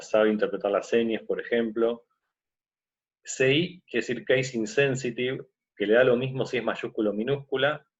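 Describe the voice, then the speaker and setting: A man teaching a screen-recorded software course, explaining step by step and often checking in with his listeners. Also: medium pitch, highs cut off. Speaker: course instructor.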